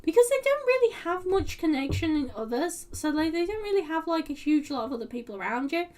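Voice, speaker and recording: A high-voiced woman chats her way through a tarot reading, full of "like" and "um", as if thinking aloud. She sits a little back from the mic, so her voice sounds slightly distant. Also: very animated, fairly quick, darkish tone. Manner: chatty, meandering, lots of fillers and "like". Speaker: tarot reader. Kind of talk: casual live-stream tarot reading.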